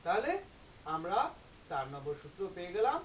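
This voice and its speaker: A teacher giving a grammar lecture, explaining step by step and repeating example words slowly. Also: medium pitch, very animated. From Bangladesh. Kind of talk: classroom-style grammar lecture. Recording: slightly dull recording with faint hiss.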